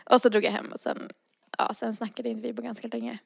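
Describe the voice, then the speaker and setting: Chatty woman with a creaky voice. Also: on the high side, little pitch movement, dry recording, studio quality. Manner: acts out quoted dialogue, frequent fillers. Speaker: guest telling a personal story. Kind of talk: casual storytelling.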